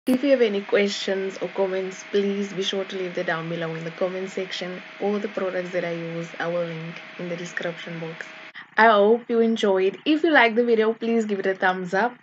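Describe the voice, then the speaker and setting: A woman's voice: mid-range voice, normal speed, lo-fi sound, slight background noise. A woman with a South African accent narrating a step-by-step cooking tutorial as a vlogger, giving politely worded instructions. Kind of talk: scripted how-to tutorial narration. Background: faint music.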